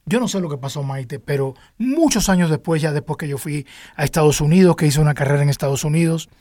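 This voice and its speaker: A man's voice: a little high, quick pace, a little mellow, dry recording, studio quality. An older man from Cuba with a Cuban Spanish accent, a singer telling his life story in an interview, with many restarts and fillers. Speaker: guest singer.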